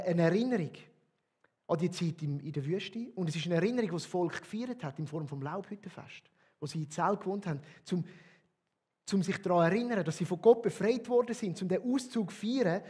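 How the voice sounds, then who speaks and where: Husky high-voiced Swiss German pastor preaching. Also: male voice, brisk, a little mellow. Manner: earnest, emphatic preaching with varied emphasis. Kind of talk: sermon.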